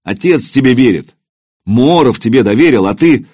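A man's voice: medium pitch, lively intonation, moderate pace, darkish tone, breathy edge, voice pushed up. A man voicing a stern young prince-warrior who speaks in curt, commanding lines. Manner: curt, barked orders.

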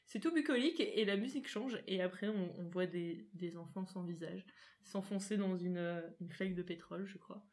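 A woman's voice: lowish voice, a little fast, darkish tone. A woman co-hosting a casual round-table podcast, talking with many hesitant fillers. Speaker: podcast co-host.

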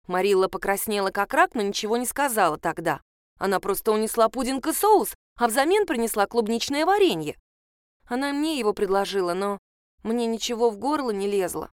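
Lady reading as a chatty dramatic little girl, high and gushing, smooth clear voice. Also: lively intonation, fairly quick, dry recording, clean studio sound, close to an everyday voice. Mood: mortified, gushing. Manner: breathless, gushing, theatrical.

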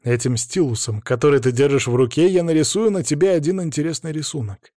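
A man voicing a calm, menacing masked cult leader who speaks coldly and dryly. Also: a little high, no echo, close to an everyday voice. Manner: dry, cold, unhurried.

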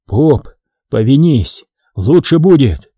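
A man's voice: medium pitch, big pitch swings, slow pace, warm tone, husky, no echo, exaggerated voice. Male reader voicing a hurt stoic captive, short and strained, dry close sound. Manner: muttering through clenched teeth, weak and strained. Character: wounded stoic male prisoner, quiet and strained.

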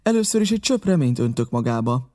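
A man's voice: mid-range voice, very animated, a little mellow, natural voice. A man voicing an earnest, kindly older ship's doctor who scolds and pleads, in an audiobook reading.

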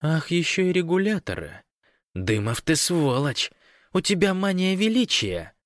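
A man voicing a furious, bossy male ruler who shouts and snarls, in an audiobook. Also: medium pitch, sing-song, normal speed, dry recording, clean studio sound, voice pushed up. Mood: angry. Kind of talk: audiobook character voice.

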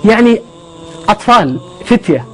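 A man's voice: high-pitched, sing-song, moderate pace, fairly bright tone, faint music behind. A man giving a sermon, telling the stories with animation and asking rhetorical questions. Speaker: preacher. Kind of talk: sermon-style lecture.

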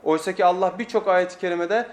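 At a pulpit microphone, a man with a high-pitched voice preaches his weekly sermon lesson fast. He is emphatic, repeats phrases, and poses rhetorical questions to his listeners.

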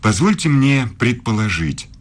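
In a radio play, a male actor portrays a self-assured, evasive professor who is also a secret lover, speaking formally and pedantically. His medium-pitched voice swings widely in pitch and stays unhurried, sounding probing and jealous.

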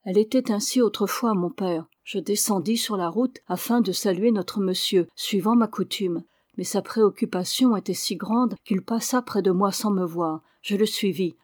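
A man's voice: high voice, normal speed, darkish tone, no room sound. A woman reads as a devoted young woodcutter son, earnest and eager, answering his father plainly. He is simple and loyal, in a storybook read aloud. The sound is close and dry. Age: young adult.

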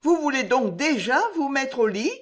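A woman's voice: sing-song, unhurried. A woman doing a trembling, terrified young chambermaid. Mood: pleading, frightened. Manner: trembling, pleading, high-pitched. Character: frightened young chambermaid, pleading and tremulous.

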